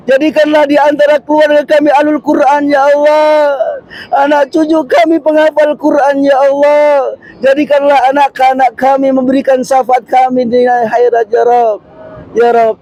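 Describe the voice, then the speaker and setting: Man, very high voice, mellow tone, impassioned prayer leader, pleading refrains. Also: low-quality recording. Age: adult, a father and husband. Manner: chanted Arabic prayer, then tearful pleading refrains in Indonesian. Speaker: ustadz leading pilgrims in prayer. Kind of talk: impassioned supplication. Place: large mosque courtyard, in public.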